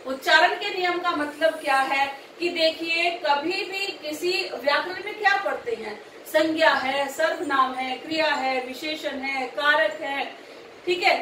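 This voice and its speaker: A woman with a high voice gives a teacher-training grammar lecture. She keeps asking rhetorical questions and checking in with her listeners. The room is echoey and she sits a little off the mic, with faint background noise. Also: a bit bright, recorded from a distance. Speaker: teacher educator. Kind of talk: recorded Hindi grammar lecture.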